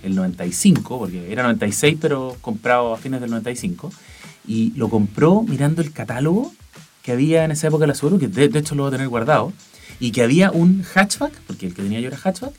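A man's voice: mid-range voice, animated, fast talker, faint music behind. A man in his forties with a Chilean accent, co-hosting a podcast and telling anecdotes in casual chat. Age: 40s. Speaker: podcast co-host.

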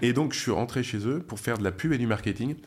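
A man's voice: mid-range voice, animated, quick pace. A middle-aged man from France, a guest telling his career story in a chatty way, with many fillers and restarts. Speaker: guest, media founder. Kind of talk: interview storytelling.

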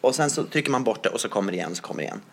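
A man's voice: on the low side, lively intonation, creaky. A man co-hosting a casual podcast, curious and joking, asking lots of questions. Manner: curious, asks lots of questions, quick jokes. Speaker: podcast co-host.

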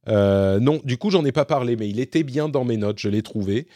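A man's voice: mid-range voice, a little fast, warm tone, no room sound. A man hosting a casual question-and-answer session, talking in a rambling way with many fillers and restarts. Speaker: host. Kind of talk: casual Q&A monologue.

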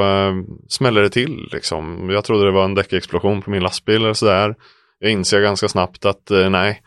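A man's voice: low voice, fairly bright tone, clean tone, dry recording, studio quality. A man from Sweden who owns a trucking company, earnestly recounting a frightening event step by step as a podcast guest. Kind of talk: personal account in a podcast interview.

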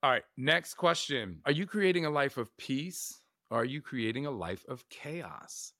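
A man's voice: medium pitch, expressive, measured pace, pushed and bright, dry recording, studio quality. A middle-aged man hosting a self-help podcast, talking casually with lots of "like" and asking listeners reflective questions. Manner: casual, conversational, full of "like" and asides, coaching listeners with questions. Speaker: podcast host.

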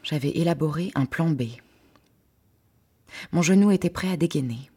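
A woman narrating a first-person story in a wry, sarcastic, lively way. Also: low-pitched, normal speed, husky.

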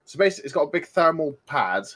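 A young British man co-hosts a podcast, explaining gadgets in a casual, keen way. His voice is on the high side and sing-song, racing along with a fairly bright tone.

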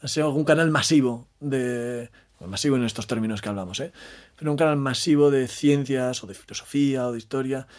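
A man's voice: mid-range voice, fairly quick. A man speaking reflectively as an interview guest, often repeating phrases and adding short tag questions. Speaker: interview guest, maths communicator and storyteller.

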